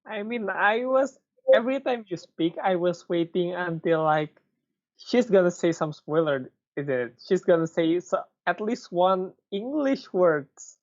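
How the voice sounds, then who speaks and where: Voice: medium pitch, unhurried, a little mellow. A quiz participant on a video call, chatty and teasing. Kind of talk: casual online quiz chat. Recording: dull lo-fi video call audio.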